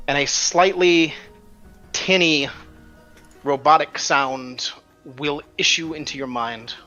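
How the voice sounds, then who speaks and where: A man with a bright, forceful, fairly high voice narrates a tabletop session as game master. He tells the scene in a measured storytelling way, with faint music under the talk.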